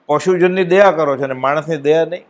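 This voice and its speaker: A man giving a devotional discourse at a spiritual gathering, telling stories and acting out the dialogue with sudden rises and drops in his voice. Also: fairly quick. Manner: animated storytelling, acts out dialogue with swings in pitch and loudness. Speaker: spiritual speaker at a satsang.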